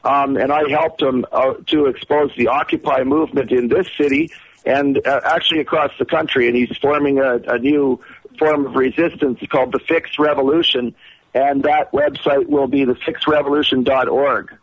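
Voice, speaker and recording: A man calling in to a radio show over a buzzy, glitchy phone line that cuts out, talking in a rambling, halting way. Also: medium pitch, fairly even intonation, slightly rough. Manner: rambling, halting, many fillers. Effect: buzzy, glitchy phone-call audio that cuts out. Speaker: caller. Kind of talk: call-in radio chat.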